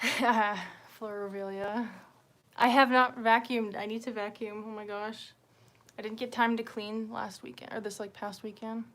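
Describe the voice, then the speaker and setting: A woman's slightly high, fairly bright voice comes through in a flat, measured delivery as she hosts a relaxed livestream. She rambles, mocks herself, and swears freely, all from a noisy room at home where the window is open.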